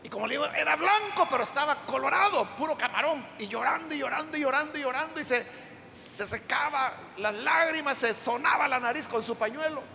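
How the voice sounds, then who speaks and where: A man's voice: extremely high pitch, a little fast, creaky, bright, forceful tone, long reverb tail, a little hiss or hum. A male preacher giving a sermon, telling a story and asking the congregation questions.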